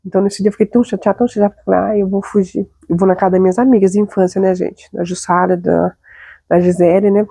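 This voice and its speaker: A woman's voice: medium pitch, fairly even intonation, racing, creaky, warm tone, no echo. A young adult woman with a Brazilian Portuguese accent, hosting and telling a personal story in a chatty, confiding way with frequent tag questions. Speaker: host.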